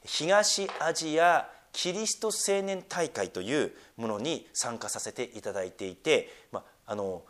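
Animated Japanese pastor, wide-ranging pitch. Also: male voice. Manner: animated, swings from soft near-whispers to loud emphatic lines; slow, drawn-out scripture reading. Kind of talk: sermon.

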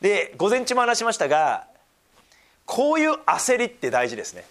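A man preaching a sermon, reading scripture aloud and then explaining it with lively asides. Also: sits high, moderate pace. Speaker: pastor.

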